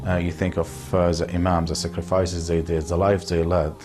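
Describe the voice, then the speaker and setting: A man in his fifties, born and raised in Lebanon, speaking in an interview with a measured pace, many pauses and fillers. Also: deep voice, little pitch movement, over music. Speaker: interviewee, businessman. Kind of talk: reflective interview talk.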